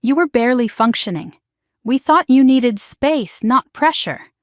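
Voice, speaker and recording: A woman's voice: high voice, lively intonation, unhurried, no room sound, studio quality, pitched above the performer's own voice. A woman voicing an anxious, guilt-ridden middle-aged mother who talks in a pleading, placating way in a storybook drama.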